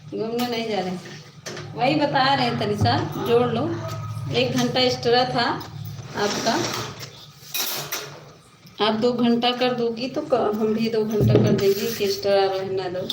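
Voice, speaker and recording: A woman's voice: medium pitch, noisy background. Coaxing woman on a phone live stream. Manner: pleading, coaxing viewers to stay. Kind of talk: casual live-stream chat with viewers. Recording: roomy with loud background ambience.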